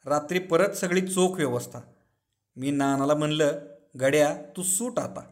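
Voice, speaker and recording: A man's voice: a little high, measured pace, lightly acted. A man doing a boastful old village notable. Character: boastful elderly male village notable, smitten with his nurse.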